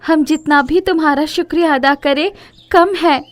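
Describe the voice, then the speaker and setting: A woman doing a high-pitched pleading mother. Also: normal speed, close to an everyday voice. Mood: grateful. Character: desperate young widowed mother, pleading.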